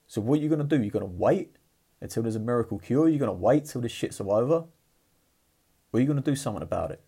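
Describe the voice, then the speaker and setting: A man's voice: medium pitch, animated, quick pace, dark tone, husky. A man giving a blunt, profane motivational talk in a casual, fired-up way. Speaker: motivational vlogger.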